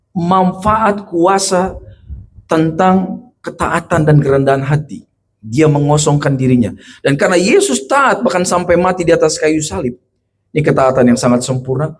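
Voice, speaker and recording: A male pastor preaching a sermon to a congregation, asking them questions, and moving between loud emphatic lines and quiet, low storytelling. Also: slightly rough. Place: church.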